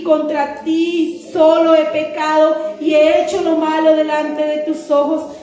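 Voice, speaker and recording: A woman preacher giving an earnest, repetitive sermon with a sing-song cadence. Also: high voice. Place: church. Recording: very echoey church with soft music behind.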